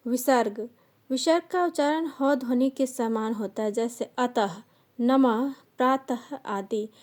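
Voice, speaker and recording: A woman gives a grammar lesson at an unhurried, dictation-like pace. Her voice sits a little high but sounds soft and mellow. She reads out each sound and example word one at a time. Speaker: teacher. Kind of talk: slow classroom grammar lesson.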